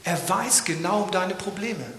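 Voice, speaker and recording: A man gives a sermon in a high, bright voice. He preaches dramatically and sometimes sinks to a whisper for emphasis. The church hall echoes around him with a long reverb. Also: normal speed, slight background noise.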